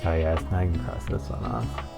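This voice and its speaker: A man's voice: rumbling low, level tone, normal speed. A man streaming a video game live, chatting casually and joking as he reacts aloud to the characters. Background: game music.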